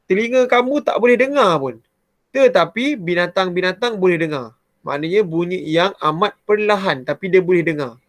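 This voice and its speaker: A man with a Malaysian Malay accent, a primary science teacher explaining a lesson to his pupils in a chatty, animated way. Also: sits high, dry recording, clean studio sound. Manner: chatty and animated, often starting with "ha".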